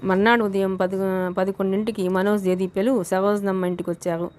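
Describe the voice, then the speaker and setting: Steady woman narrating a novel. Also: medium pitch, fairly quick, a little hiss or hum. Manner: steady, even reading. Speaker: audiobook narrator.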